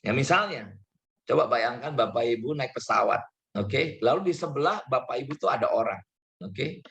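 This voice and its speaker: Gravelly-voiced pastor preaching. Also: male voice, mid-range voice, lively intonation, normal speed, a bit bright, dull audio. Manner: conversational preaching with English terms mixed in; acts out little dialogues and laughs now and then. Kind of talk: sermon.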